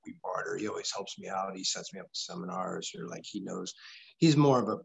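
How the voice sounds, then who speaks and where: A man's voice: sits low, brisk, gravelly, slightly rough, poor audio. A man who coaches grappling, a guest on a podcast, talking candidly in a rambling, profane way. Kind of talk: casual interview chat.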